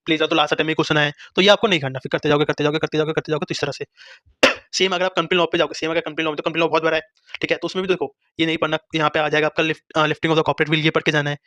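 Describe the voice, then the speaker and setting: Fast-talking young man tutoring. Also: on the high side, a bit bright, dry recording. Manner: rapid Hinglish, repetitive, frequent coughs. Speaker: exam tutor. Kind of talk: screen-share study guidance.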